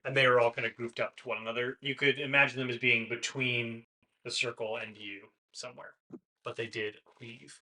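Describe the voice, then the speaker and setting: A man narrating a tabletop game as game master, casually, in halting improvised descriptions. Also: medium pitch, flat delivery, sharp tone, rough recording.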